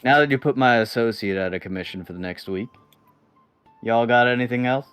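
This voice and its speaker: Casting: a man doing a gruff pirate boss with folksy slang, mid-pitched, soft music underneath. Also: fairly quick, dry recording, close to an everyday voice. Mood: blunt, suspicious. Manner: blunt, swearing, folksy slang.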